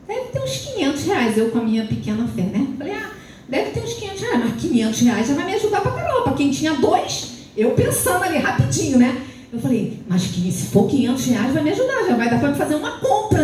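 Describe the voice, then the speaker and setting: High-voiced woman preaching in an echoey church. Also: quick pace. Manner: animated storytelling, rising to fervent exhortation. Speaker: wife giving testimony at couples' service. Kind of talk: testimony and preaching. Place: church hall. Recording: very echoey hall, distant mic, faint hiss.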